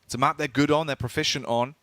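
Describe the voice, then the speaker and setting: A man's voice: on the high side, fairly even intonation, fast talker, bright, forceful tone, no room sound. A man working as an esports caster, giving live play-by-play commentary that builds dramatically at key plays.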